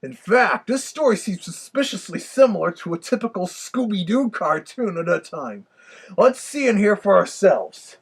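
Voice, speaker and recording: Guy doing a raspy cartoon wolf villain, kinda high for a man, chatty wry reviewer, theatrical. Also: very animated, normal speed, exaggerated voice. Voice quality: gravelly, raspy. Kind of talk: audio review commentary.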